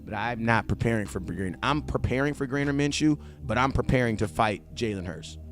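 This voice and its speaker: Over music, an animated man in his 40s talks a little fast at medium pitch. He's a sports fan host on a live stream, casually working through viewer comments with slangy talk, addressing his audience directly and repeating points for emphasis.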